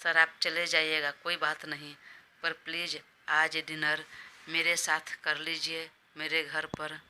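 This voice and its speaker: A woman's voice: low voice, completely flat delivery, takes it slowly, sharp tone, a little hiss or hum, full character voice. A woman reading a storybook part, voicing a scheming young female assistant who pleads and coaxes her boss. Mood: coaxing. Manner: pleading, coaxing.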